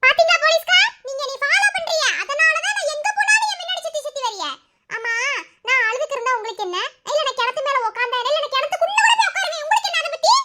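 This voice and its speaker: A woman voicing a feisty, sharp-tongued young village woman in love, with a Madurai Tamil accent and teasing backchat. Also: very high voice, lively intonation, very fast, full character voice. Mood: defiant. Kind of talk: cartoon voice acting.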